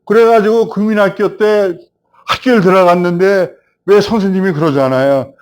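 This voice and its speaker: A man in his seventies, a film director, telling a host stories from his past and growing animated as he recalls it. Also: sits high, moderate pace, smooth. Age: 70s. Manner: animated storyteller, rising when recalling the past. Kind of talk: reminiscing storytelling.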